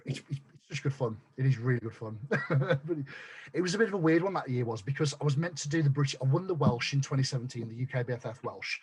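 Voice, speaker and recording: A man telling his story as a guest on a podcast, blunt and quick to swear, tripping over restarts. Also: medium pitch. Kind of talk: casual chat.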